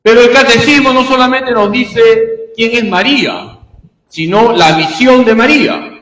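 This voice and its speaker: A man, a priest teaching a catechism class, animated and asking rhetorical questions he answers himself. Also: very high-pitched, unhurried. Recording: echoey hall, long reverb.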